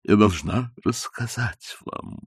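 Dying old woman in a storybook reading, voiced by the male narrator; slow, wooden, stubborn, low and quiet. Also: slightly rough, no room sound, clean studio sound, exaggerated voice. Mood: cold, deliberate.

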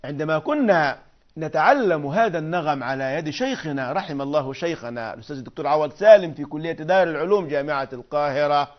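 A man teaching poetic meter, explaining patiently and chanting verses and meter syllables slowly. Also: fairly high pitch, lively intonation, muffled recording. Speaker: Arabic prosody teacher.

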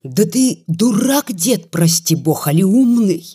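A reader voicing a bitter, defiant crippled young peasant man with rough, scornful rustic speech, in an audiobook reading. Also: mid-range voice, very animated, slow, a little mellow, exaggerated voice.

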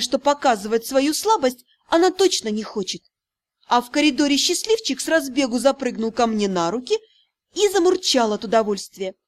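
A woman narrating a first-person fantasy audiobook in an expressive, animated storytelling manner. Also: high voice.

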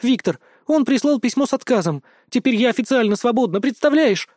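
A man's voice: sits high, lively intonation, moderate pace, mellow, no echo, clean studio sound, voice pushed up. A man voicing a tearful, lovestruck young woman who gushes with emotion. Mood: gushing. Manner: emotional, gushing.

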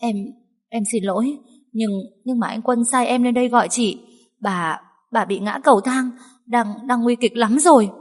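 A woman's voice: mid-range voice, a little fast, close to an everyday voice. A woman voicing a timid young housemaid who stammers and pleads anxiously. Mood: panicked. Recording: long hall reverb.

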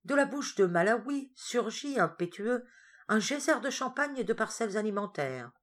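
A woman narrating an audiobook in a lively, expressive reading. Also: fairly high pitch, normal speed. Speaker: audiobook reader.

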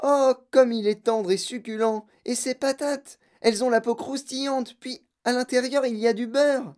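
A woman voicing a spoiled, boastful girl who shouts with glee while chewing gum, in a storybook reading. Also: on the high side, measured pace, voice pushed up, close to an everyday voice. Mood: gleeful.

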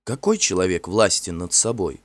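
A man voicing a gentle, frightened young fairy woman who speaks softly and imploringly in a storybook reading. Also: low-pitched, expressive, moderate pace, no room sound. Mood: tender. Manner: soft, tremulous and imploring.

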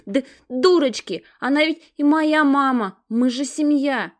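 A woman reading an audiobook, voicing a timid, whiny youngest sister who stammers and pleads in a high voice. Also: unhurried. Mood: pleading.

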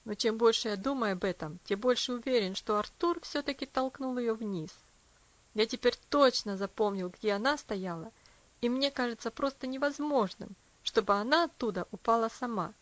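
A woman voicing a serious boy who speaks slowly and deliberately in an audiobook story. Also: fairly high pitch, no room sound, close to an everyday voice. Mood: thoughtful. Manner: slow, deliberate, thoughtful. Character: solemn serious-minded boy. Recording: dull lo-fi audio.

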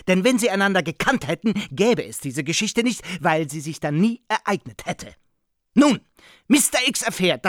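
A man's voice: high-pitched, fairly bright tone, no echo, studio quality. An actor playing a pompous, aggrieved man who lectures and accuses in a radio drama. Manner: insistent, lecturing, pedantic. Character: pompous aggrieved middle-aged man, hectoring. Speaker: Edgar Morgan, aggrieved host.

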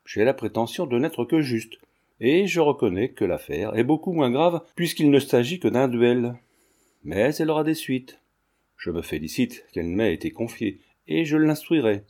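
A man reading as a formal, measured judge. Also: medium pitch, expressive, a little mellow. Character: measured, principled male investigating judge.

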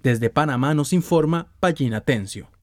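A man anchoring a news program, introducing a report in a measured formal way. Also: on the high side, no echo, clean studio sound.

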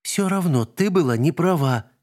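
Brief: bubbly little girl, high squealing voice, nonstop chatter, read by a man. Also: expressive, moderate pace, a little mellow. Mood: earnest.

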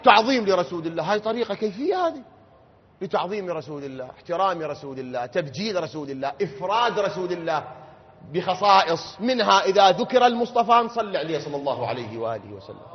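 Iraqi preacher, quick and rising to shouts; lo-fi recording in a reverberant hall. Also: male voice, high-pitched, lively intonation, husky. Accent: Iraqi Arabic. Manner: swings from quiet explanation to loud emphatic questions. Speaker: cleric. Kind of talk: religious lecture.

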